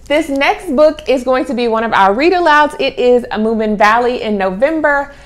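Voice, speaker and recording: In her homeschooling vlog, a middle-aged woman shows children's books in a relaxed chat to camera, elongating and repeating important words for emphasis. Her voice is high-pitched and expressive at a normal speed. The setting is a small home room with a sloped ceiling, captured with a clip-on lapel mic.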